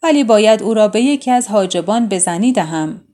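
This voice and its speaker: A woman voicing a grieving, stern young prince in a storybook tale, speaking low and gravely. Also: animated, dark tone, lightly acted. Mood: troubled.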